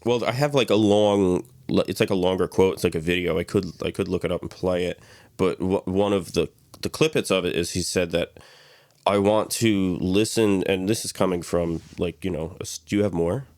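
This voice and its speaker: A young podcast co-host chats casually. He rambles in an animated way and laughs often. His voice is deep and dry. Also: fairly quick, no room sound. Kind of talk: casual chat.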